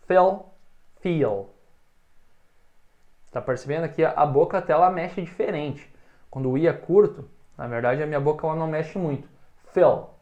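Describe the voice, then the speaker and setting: A man with a Brazilian Portuguese accent teaching English pronunciation, modelling short words loudly and having the learner repeat after him. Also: a little high, dull audio. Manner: slow, drawn-out modelling of words, stressed loud examples.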